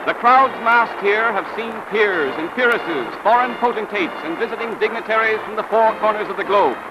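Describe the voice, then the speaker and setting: High-voiced man in old newsreel narration. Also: normal speed, very noisy. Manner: grand, declamatory. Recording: old newsreel soundtrack with loud music.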